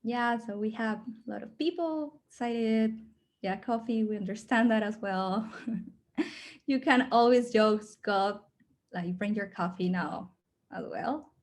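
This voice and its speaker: Speaking unhurriedly in a voice on the high side, this program host leads a casual onboarding presentation over video call. She is from Mexico, has a strong Mexican accent, and chats cheerfully with plenty of fillers.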